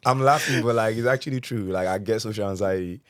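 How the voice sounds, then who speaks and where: A man's voice: on the low side, fast talker, no echo, studio quality. A man with a South London accent talking casually and slangily as a musician being interviewed. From South London, England. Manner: slangy, often addressing listener as bro. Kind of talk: casual chat.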